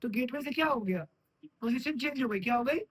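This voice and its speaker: A man's voice: extremely high pitch, expressive, fairly quick, a bit bright, husky, low-quality recording. A man teaching computer science in a classroom, often stopping to put check questions to his students. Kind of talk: classroom lecture.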